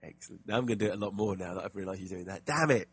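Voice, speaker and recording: A man with a fairly low, husky voice chats loosely about video games as a podcast co-host. He jokes often and trails through fillers and restarts. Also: racing, dry recording. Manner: chatty, jokey, many fillers and restarts. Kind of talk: casual gaming podcast chat.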